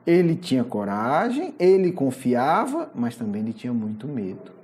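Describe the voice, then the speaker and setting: A spiritist lecturer with a Brazilian Portuguese accent, retelling a Gospel story in an animated, storytelling way and often adding questioning asides. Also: mid-range voice, normal speed.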